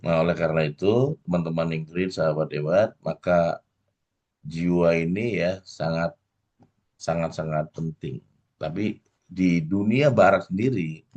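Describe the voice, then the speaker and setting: A middle-aged man giving a motivational lecture as a coach. He keeps calling out to his audience, tags his points with "ya", and acts out little examples. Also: low voice. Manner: addresses the audience warmly, full of "ya" tags and acted examples. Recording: dull lo-fi recording.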